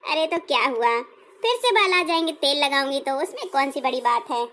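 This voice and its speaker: A woman's voice: high-pitched, lively intonation, normal speed, a bit bright. A woman voicing a cheerful, carefree bald old woman in a cartoon, chatty and unbothered. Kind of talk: cartoon voice acting.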